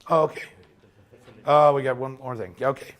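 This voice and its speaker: His voice going, a man delivers a casual technical workshop lecture in a lecture room, speaking conversationally and frequently capping his points with "okay?" His medium-pitched voice keeps a moderate pace and fairly even intonation.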